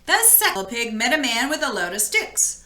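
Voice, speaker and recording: Animated, bright-voiced woman reading a storybook. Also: fairly high pitch, a little fast. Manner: animated, addresses listeners directly. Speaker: storybook reader. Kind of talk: expressive children's read-aloud. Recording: echoey room.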